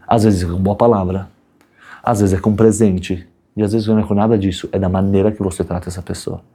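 A man teaching a religious class as an animated storyteller, acting out the voices of people in his story and checking in with his listeners often. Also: deep voice, brisk, breathy edge. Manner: animated storyteller, acts out quoted voices, asks "tá bom?" often. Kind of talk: storytelling sermon.

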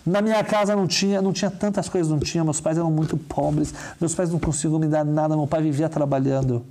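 A small orphan girl confides what is troubling her, earnest and simple in her words, as a storyteller takes on her part. The voice stays close to the teller's own, quick and mellow. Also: a little high, fairly even intonation, lightly acted. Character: sad five-year-old orphan girl.

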